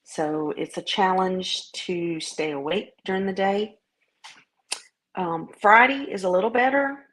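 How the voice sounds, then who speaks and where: A woman from the southern United States with a Southern American accent, talking in a casual video diary in a folksy, halting, rambling way. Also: medium pitch, a bit bright. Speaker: vlogger.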